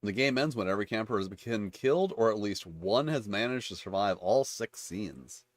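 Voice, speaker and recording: A man's voice: on the low side, expressive, normal speed, no echo. A man hosting his channel, reading tabletop game rules aloud and breaking off into chatty, rambling asides. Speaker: channel host reviewing tabletop games.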